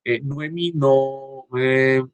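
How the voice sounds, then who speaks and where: A man giving a class lecture over a video call. He talks haltingly, restarts often, and keeps checking that students follow. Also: medium pitch, fairly even intonation, smooth, no room sound. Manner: halting, frequent restarts, checks understanding with "¿cierto?". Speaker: university teacher. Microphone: computer mic on a video call.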